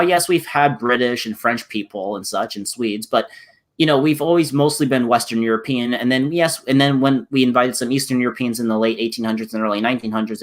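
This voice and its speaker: Guy rambling through a political chat, lots of ums and restarts, mid pitch. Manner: rambling, many restarts and fillers. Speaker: channel host in a discussion. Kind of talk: casual political discussion.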